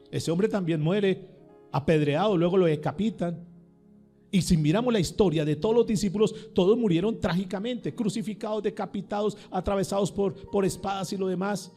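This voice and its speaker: A male pastor delivering an emphatic sermon, pressing his listeners with one question after another. His voice sits fairly high for a man but is mellow and husky, with a gravelly fry. Soft music plays underneath. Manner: questioning the congregation, emphatic, repeats words.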